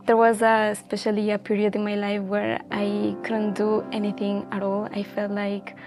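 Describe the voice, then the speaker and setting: A woman in her twenties from Ecuador, a guest in a casual chat, shares her personal testimony earnestly and reflectively with many fillers. Her mid-range voice is monotone at normal speed, with music playing underneath.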